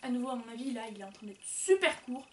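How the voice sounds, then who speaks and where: High-voiced chatty woman in an echoey room. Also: very animated, quick pace, distant mic, a little hiss or hum. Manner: chatty, rambling, with many fillers. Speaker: book vlogger. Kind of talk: casual book review chat.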